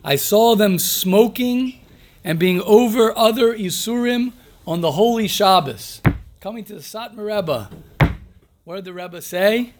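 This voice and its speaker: A man's voice: high-pitched, expressive, a little slow, slight background noise. A man teaching an informal religious class, reading aloud and commenting emphatically, repeating phrases and asking rhetorical questions. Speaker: rabbi teaching a daily class.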